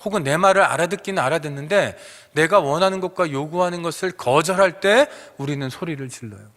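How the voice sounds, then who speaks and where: A man preaches earnestly, his bright, forceful voice swelling to emphatic peaks before falling soft and low. His tone sits a little high for a man. The church around him rings with long reverb. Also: a little fast. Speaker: pastor. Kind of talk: sermon. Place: church sanctuary.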